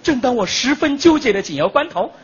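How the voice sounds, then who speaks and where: High, animated male crosstalk comedian. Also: a little fast, highs cut off, heavy background noise. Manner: animated storytelling with repeated punchline refrains.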